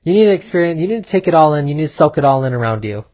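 A man's voice: a little high, expressive, rapid-fire, a little mellow. A young man co-hosting a casual podcast, teasing his co-host in a playfully preachy way. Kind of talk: casual chat.

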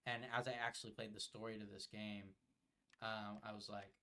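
Playing a video game while co-hosting a podcast, a young man rambles about it with lots of fillers and curse words. His voice is lowish and flat in pitch, bright and pushed, at a moderate pace.

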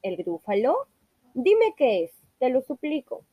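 A woman's voice: high-pitched, wildly swooping pitch, unhurried, breathy edge, no room sound, lo-fi sound, full character voice. A woman voicing a hungry, sly owl who coaxes and then scares easily. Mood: coaxing.

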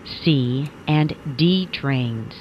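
A low-pitched woman's recorded voice, slow and clipped, with each word pasted together from separate takes so the sentences come out choppy. It plays through a lo-fi train speaker with a faint rumble behind it. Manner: clipped, even, formal delivery. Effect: words spliced together from separate recordings. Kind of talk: automated transit announcement. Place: subway train carriage.

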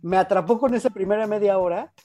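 A woman, co-hosting a casual film review chat and giving candid, expressive opinions. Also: medium pitch, quick pace, soft background music. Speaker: film podcast co-host.

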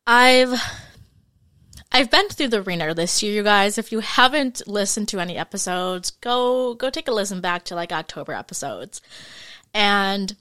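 A woman's voice: medium pitch, lively intonation, moderate pace, bright, forceful tone, clean tone, no echo. A woman in her mid-twenties hosting a casual solo podcast, talking frankly and chattily with lots of fillers. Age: 20s. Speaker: podcast host.

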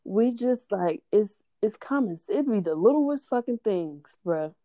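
A woman's voice: mid-range voice, measured pace, no echo. A woman in casual chat, telling stories with lots of cursing and laughter and acting out what people said. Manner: animated storyteller, cursing, laughing, acting out quotes.

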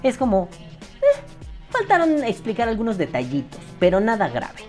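A man's voice: high voice, huge pitch swings, normal speed, faint music behind. A Mexican man hosting a casual commentary, crude and sarcastic as he critiques another creator. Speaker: vaping commentary host. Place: at his desk on camera.

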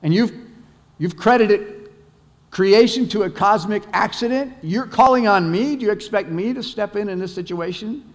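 Male preacher doing a loud, stern divine voice in a joke; slow accusing questions, echoing hall. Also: high-pitched, pitched above the performer's own voice, close to an everyday voice. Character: booming divine male voice from heaven. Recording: long hall reverb.

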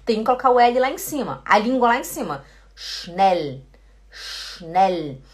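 A woman's voice: mid-range voice, very animated. A Portuguese-speaking woman teaching German pronunciation, repeating each word again and again. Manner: slow, repeats words many times. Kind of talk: pronunciation lesson.

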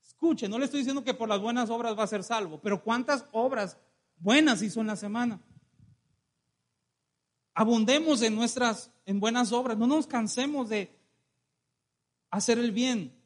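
A male preacher with a Mexican Spanish accent giving a sermon, telling stories and calling the congregation to say amen. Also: very high voice. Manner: storytelling, calls for amen, slows on key phrases.

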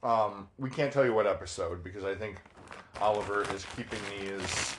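A man co-hosting a casual podcast, talking slowly with many pauses and fillers. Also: fairly low pitch, background noise. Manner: slow, hesitant, many fillers. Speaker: podcast co-host. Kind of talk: casual chat.

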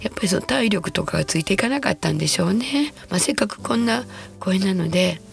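A woman in her sixties with a Kansai accent, hoarse and husky from a throat cold, chatting casually and self-deprecatingly as a podcast host. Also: mid-range voice, expressive, faint music behind. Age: 60s. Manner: chatty, self-deprecating, slows to a soft hush at times. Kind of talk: casual solo podcast talk.

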